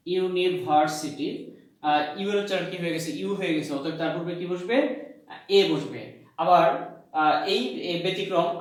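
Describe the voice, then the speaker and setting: A male college English lecturer from Bangladesh teaching a grammar lesson. He asks the class questions, answers them himself, repeats key points and fills pauses with "uh". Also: high voice. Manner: hesitant, many "uh" fillers. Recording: very echoey room.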